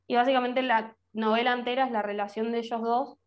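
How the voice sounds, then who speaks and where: Argentine woman guest, higher pitch, joking casual talker. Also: fairly even intonation, fairly quick. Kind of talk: casual chat.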